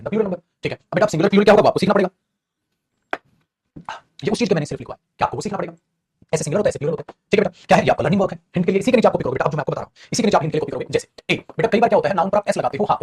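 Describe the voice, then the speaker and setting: A man teaching English grammar in a live online class, repeating points quickly and calling his students "beta". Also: high voice, a little mellow, slight background noise. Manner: fast, repetitive, calls students beta.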